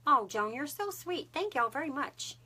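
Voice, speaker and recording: A woman with a Texan accent hosting a craft livestream from her home, chatting casually with viewers, bubbly and quick to laugh. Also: sits high, very animated, heavy background noise. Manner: chatty and bubbly, saying y'all often and laughing a lot. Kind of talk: casual live-stream chat with viewers.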